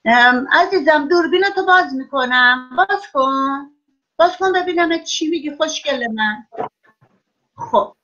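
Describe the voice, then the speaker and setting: Bright high-voiced woman teaching young children online. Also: expressive, dull audio. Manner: encouraging, praises often, stretches words slowly for dictation. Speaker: primary school teacher. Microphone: video call.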